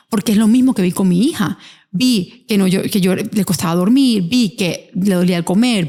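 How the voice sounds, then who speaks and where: Presentadora, mujer, voz de tono medio, relata con mucha expresividad. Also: female voice, medium pitch. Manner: animated personal storytelling. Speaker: host. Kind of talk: conversational interview.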